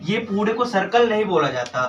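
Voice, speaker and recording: A man's voice: high voice, very animated, moderate pace, fairly bright tone, recorded from a distance, highs cut off, a little hiss or hum. A male tutor teaching a live class, asking questions and repeating the answers. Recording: echoey room, recorded from afar.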